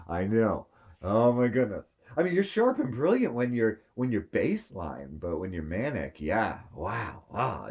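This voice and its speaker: A man in casual chat who agrees warmly and gushes with reassurance. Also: fairly low pitch, slightly rough. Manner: agreeable, gushing, quick to reassure. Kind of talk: casual one-sided chat. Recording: dull lo-fi sound.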